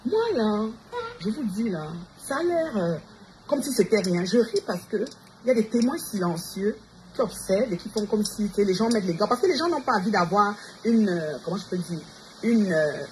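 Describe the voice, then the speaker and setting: With a mid-range, expressive voice at a moderate pace, a woman livestreams from Montreal in a defiant rant. She confronts her rivals directly, challenging them repeatedly, while noisy ambience fills the background.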